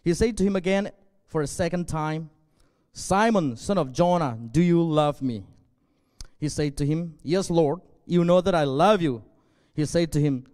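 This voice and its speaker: A pastor in his forties from northwest Burma, a native Zomi speaker, preaches a sermon earnestly and in a measured way, pausing often. His voice is on the high side with a darkish tone, and he uses a handheld mic on a church stage, with long hall reverb.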